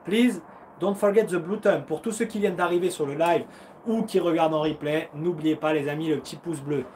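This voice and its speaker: A man's voice: fairly high pitch, brisk, darkish tone, a little hiss or hum. A man in his thirties, a karate fighter and coach hosting a casual live Q&A from home, upbeat and encouraging, chatty with slang, acting out punches and footwork with little sounds. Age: 30s.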